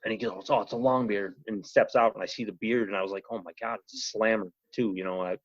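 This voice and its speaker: A man's voice: on the low side, fast talker, no room sound. Rambling man telling a story, dry muffled sound. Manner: rambling, animated, lots of "you know" and "he goes". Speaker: podcast guest. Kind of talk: casual storytelling. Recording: slightly muffled podcast audio.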